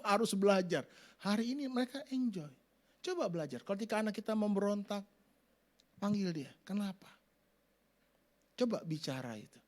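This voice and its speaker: A middle-aged man preaching a sermon, acting out family scenes in sudden loud voices. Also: sits high. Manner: animated, acts out family scenes with shouted voices. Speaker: pastor.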